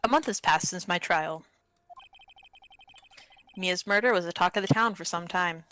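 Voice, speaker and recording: Woman voicing a deadpan young lawyer guy, bright voice, game fan dub. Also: fairly low pitch, normal speed. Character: 24-year-old male lawyer, dry and weary.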